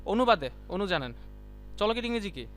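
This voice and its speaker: A high-pitched man with a bright, sharp tone teaching a live class. He talks casually and keeps calling on students to answer. Soft music plays faintly behind him. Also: very animated, moderate pace. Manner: chatty, quizzes students by name; colloquial, keeps saying "done" and "see". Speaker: ICT teacher.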